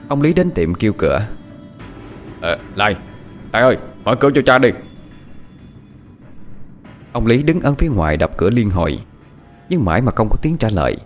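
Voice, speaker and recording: A man's voice: on the low side, a little mellow. A man narrating a horror story with dramatic storytelling.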